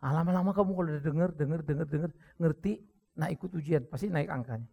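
A man with an Indonesian accent preaching a sermon, joking with the crowd and bursting into sudden shouts. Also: a little high, quick pace, gravelly, slightly rough, highs cut off. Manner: lively preaching with jokes, acted quotes and sudden shouts. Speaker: pastor.

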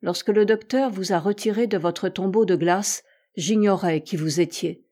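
A woman reading an audiobook voices a stern male sea captain who speaks gravely. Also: medium pitch, moderate pace, mellow, lightly acted. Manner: grave, solemn.

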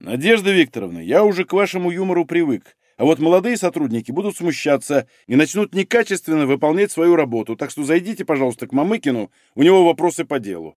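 A man's voice: a little high, big pitch swings, fast talker, hardly any pauses, a little mellow, no echo, clean studio sound. A man reading the part of a curt, blunt male police investigator giving orders. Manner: curt, commanding.

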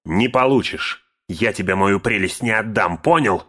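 A man voicing a fussy old male hobbit who turns shrill and possessive, his voice cracking in outbursts, in a storybook reading. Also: normal speed. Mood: angry, possessive. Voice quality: shrill, cracking voice when angry. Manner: outbursts turning possessive and obsessive.

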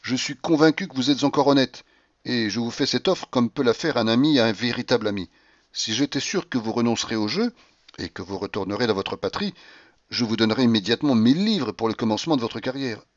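A grave, earnest English gentleman who lectures in a solemn, steady way, read by a man. His voice sits in a middling register. The recording is close and dry, with a slightly muffled top end. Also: medium pitch, brisk, dry recording, close to an everyday voice.

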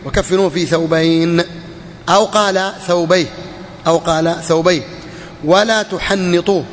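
A man's voice: sits high, big-room sound, slight background noise. A man, a sheikh, teaching a hadith lesson in a classroom way, repeating each phrase and putting questions to his students.

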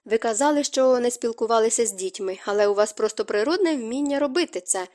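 Audiobook heroine, a lively young lady, earnest and teasing, read by a woman. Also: fairly high pitch, fast, lightly acted.

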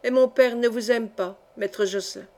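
A woman's voice: a little high, fairly even intonation, moderate pace, dark tone, lightly acted. Woman voicing a sullen, suspicious young peasant man. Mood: defiant. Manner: wary and defiant.

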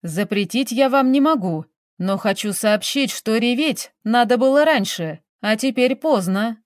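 A woman's voice: fairly high pitch, measured pace, dry recording. Woman doing a stern sarcastic male investigator. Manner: dry monotone, lecturing.

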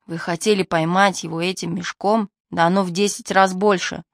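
A woman voicing a sharp, clever young woman police trainee who hisses angrily. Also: lowish voice, steady tone, normal speed, no room sound, clean studio sound, close to an everyday voice. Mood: indignant. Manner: angry, fierce hissing.

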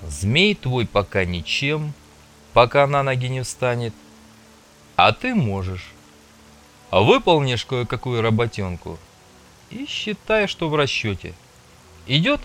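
A man voicing a scarred, gruff male stalker gang leader, speaking slowly and measuredly in an audiobook. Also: mid-range voice, sing-song, fairly bright tone, faint music behind. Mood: bargaining.

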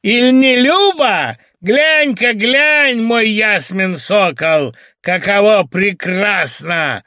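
A man reading aloud and voicing a defiant young merchant's wife, shrill and mocking. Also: animated, very slow, sharp tone, dry recording, clean studio sound, full character voice. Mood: mocking triumphant.

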